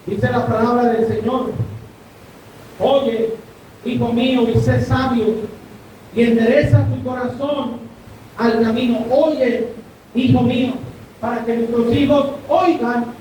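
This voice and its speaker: In an echoey church hall, picked up by a distant mic with a faint rumble, a male pastor delivers a sermon and keeps checking that the congregation is following. He speaks at a measured pace with fairly even intonation and long pauses.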